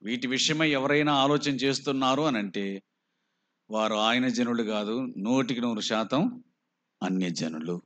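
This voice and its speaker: A man with a Telugu accent, preaching a slow, emphatic sermon full of rhetorical questions. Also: mid-range voice, fairly bright tone, lo-fi sound. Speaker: pastor.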